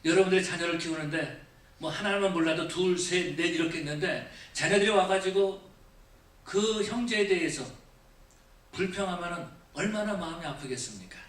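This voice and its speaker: A male pastor preaching a Thanksgiving sermon. He questions the congregation again and again and moves between raised emphasis and quiet, low asides. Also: normal speed. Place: church sanctuary. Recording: echoey church from far off.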